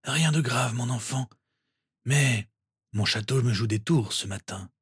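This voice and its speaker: Guy doing soft-spoken old wizard, kind and a bit wry, quiet storybook voice. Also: medium pitch, a little slow, husky, no room sound, studio quality, pitched above the performer's own voice. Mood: reassuring. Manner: gentle, wry. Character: calm elderly male wizard, kindly.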